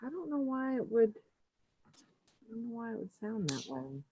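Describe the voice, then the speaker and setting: A woman's voice: on the high side, sing-song, moderate pace, mellow, breathy edge, dry recording. A woman hosting a casual live stream, checking her audio, her voice muffled as if heard through a wall. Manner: chatty, fussing over audio checks. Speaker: livestream host. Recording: muffled phone-like dry audio.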